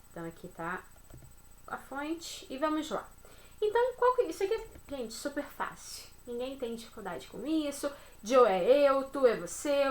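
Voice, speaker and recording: A chatty, friendly Brazilian woman with a high voice and a Brazilian Portuguese accent teaches Spanish in a recorded online class over slides. She keeps checking in with "né?" and "beleza?".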